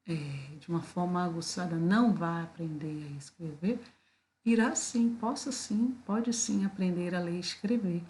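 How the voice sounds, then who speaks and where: A woman with a Brazilian Portuguese accent and a fairly low voice gives a recorded lesson, explaining each idea step by step. She keeps checking in with her listeners as she goes. A faint hiss sits under the recording. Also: a little mellow. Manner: explanatory, with frequent "tá?" and "né?" check-ins. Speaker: teacher. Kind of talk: video lecture.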